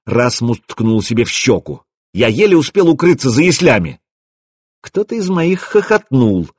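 A man reading a first-person adventure audiobook in an expressive way. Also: medium pitch, moderate pace, slightly rough, no echo, clean studio sound. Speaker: audiobook narrator.

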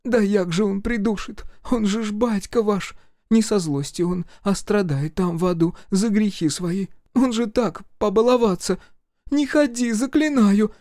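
A man's voice: high voice, a little slow, dark tone, no echo, pitched above the performer's own voice. Guy putting on a scared village mom, begging, folksy talk, dry sound. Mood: pleading. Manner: pleading, folksy rural dialect. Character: frightened pleading peasant mother, woman. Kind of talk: audiobook character voice.

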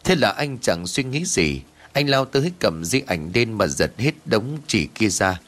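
A man narrating a scripted story in a steady, measured way. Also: on the low side.

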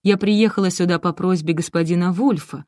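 A woman's voice: lowish voice, fairly even intonation, fairly quick, a little mellow, no echo, studio quality, close to an everyday voice. A woman reading the lines of a cold, condescending middle-aged woman who never wanted her children, in an audiobook. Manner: cool, dismissive, condescending.

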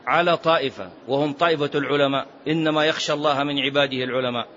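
A man's voice: fairly high pitch, steady tone, racing, fairly bright tone. A man teaching a religious lesson to seated students. He repeats key phrases and quizzes his listeners. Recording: muffled lo-fi recording with faint noise.

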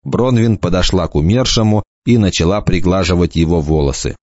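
A man reading an audiobook in a measured, scripted narration. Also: low-pitched, darkish tone, no echo, highs cut off.

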